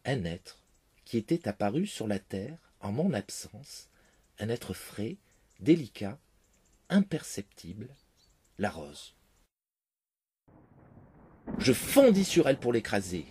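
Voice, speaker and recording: A man reading a fairy tale aloud, expressive in his first-person telling. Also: fairly low pitch, husky. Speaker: narrator. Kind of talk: storybook reading.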